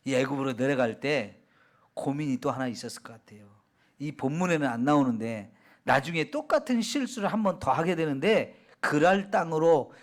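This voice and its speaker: A male pastor giving a sermon, retelling the story in a lively, colloquial way and asking the congregation questions. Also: a little high.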